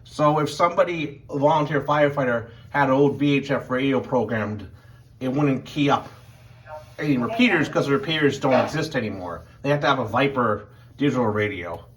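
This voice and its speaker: Indoors at his house, a man who works in emergency medicine and tinkers with radios gives a casual, halting tour of his gear. He sounds animated and a little fast in a mid-range voice. It's a low-quality home recording with a faint noise floor.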